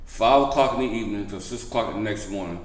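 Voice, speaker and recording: Hosting a vlog, a man with a fairly low voice speaks fast as he gives viewers a casual news update to camera, repeating key points with emphasis. The room is echoey.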